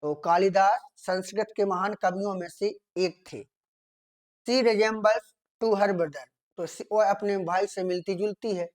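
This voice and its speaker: Indian man, tutor, steady grammar explainer who reads examples slowly and checks in often. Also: high voice. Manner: repeats "theek hai" often, asks and answers his own questions; reads English sentences out slowly, as if dictating. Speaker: teacher. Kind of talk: exam grammar lesson.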